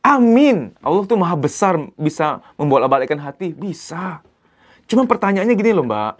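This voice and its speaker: A man giving a lively psychology lecture as a therapist, emphatic and conversational. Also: on the high side, moderate pace. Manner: animated, acts out quoted dialogue in other voices; colloquial, emphatic "gitu loh" asides.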